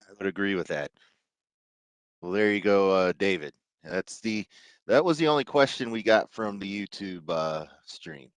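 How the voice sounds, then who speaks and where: A man's voice: deep voice, animated, normal speed, no room sound. A man relaying viewer questions in a virtual club meeting, easygoing and a little self-deprecating, over a video call. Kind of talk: casual meeting talk.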